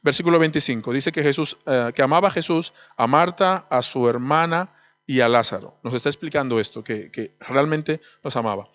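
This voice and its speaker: A man's voice: medium pitch, normal speed, a bit bright. Man, preacher, sermon in a church, conversational, questions the congregation, muffled recording.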